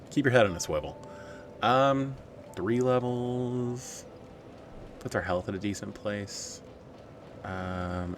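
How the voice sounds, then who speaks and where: A man's voice: sits low, a bit bright, slight background noise. A man giving casual, joking commentary while playing a video game, talking to himself and swearing at enemies.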